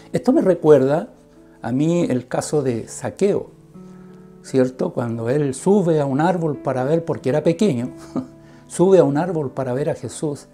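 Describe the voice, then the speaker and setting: A preacher giving an earnest sermon, often tagging phrases with a questioning "right?" and stretching key words with sudden loud emphasis. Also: medium pitch. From Chile. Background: faint guitar music.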